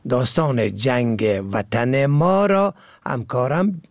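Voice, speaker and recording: A man with an Afghan Dari accent introducing a story on a radio culture program in a brisk, formal manner. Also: medium pitch, very animated, dry recording. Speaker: radio culture show host.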